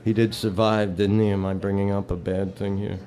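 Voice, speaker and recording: A man's voice: lowish voice, little pitch movement, fairly quick, dark tone. A man performing a live comedy set, telling bar jokes with rambling, wisecracking patter between them.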